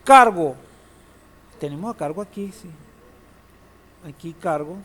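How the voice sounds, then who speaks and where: High-voiced male teacher lecturing a class. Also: animated, measured pace, fairly bright tone. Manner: asks the class questions, uses humor. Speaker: database teacher.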